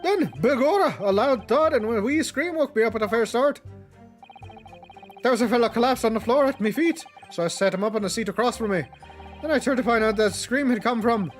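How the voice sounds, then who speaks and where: A man voicing a folksy, deferential gentleman witness like a leprechaun, in lilting stage-for a video game. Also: very high voice, fairly quick, faint music behind, voice pushed up. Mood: storytelling. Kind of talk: theatrical video game character reading.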